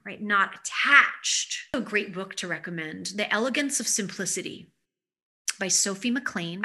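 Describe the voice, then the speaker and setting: A woman yoga educator giving a spiritual teaching talk in a thoughtful, halting way, often repeating words as she goes. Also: medium pitch, sharp tone.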